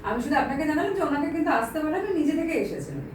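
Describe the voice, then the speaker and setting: A woman's voice: sits high, wildly swooping pitch, racing, distant mic, background noise. A woman on the police station staff, scolding and dismissive toward a complainant. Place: crowded police station room. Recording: roomy phone recording from across the room.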